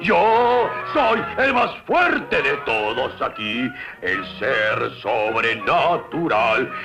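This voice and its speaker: Casting: huge bragging cartoon sailor villain, gravelly, Latin American accent, theatrical, over old soundtrack music. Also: male voice, very animated, very slow, heavily acted, poor audio. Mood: boastful, menacing. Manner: blustering, booming boasts. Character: huge boastful bullying bearded sailor villain. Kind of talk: theatrical cartoon dub acting.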